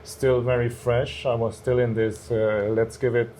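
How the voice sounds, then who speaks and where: A man's voice: medium pitch, flat delivery, a little slow, mellow, slight background noise. A man, a stand-up comedian guest, telling stories in a casual interview, hesitant with many restarts. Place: bar cellar.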